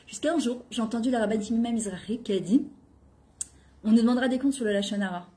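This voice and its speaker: A middle-aged woman who weaves into her talk. She tells personal stories in a lively way and acts out the dialogue. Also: on the high side, fast. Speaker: guest speaker on women's talk show. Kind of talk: animated personal storytelling.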